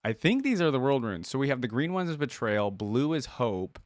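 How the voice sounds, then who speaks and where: A man hosts a reaction video, speaking informally and thinking out loud as he comments and reads bits off the screen, with music from the video playing. His medium-pitched voice is sing-song and a little fast, with slight background noise.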